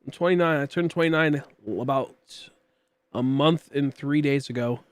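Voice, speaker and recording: His voice is a little high, clear and resonant, and he speaks a bit slowly. A man in his late twenties, he's streaming a game and chatting loosely, rambling and joking at his own expense with viewers and a friend.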